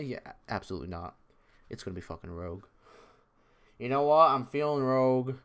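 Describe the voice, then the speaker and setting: Male vlogger, mid-pitched, resonant clean voice, excitable, profane, rambling delivery. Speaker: esports video creator. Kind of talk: casual predictions vlog.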